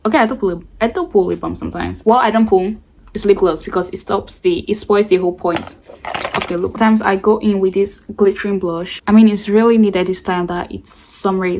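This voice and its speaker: With slight background noise behind her medium-pitched voice, a girl in her late teens talks casually and rambles as she does her makeup for a get-ready-with-me vlog. The beauty vlogger is chatty and calls it yapping.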